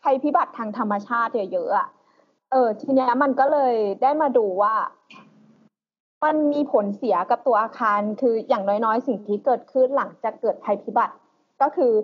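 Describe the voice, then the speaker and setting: A woman co-hosting a podcast in loose, slangy casual chat, halting often with fillers. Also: a little high, dull audio. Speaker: podcast co-host.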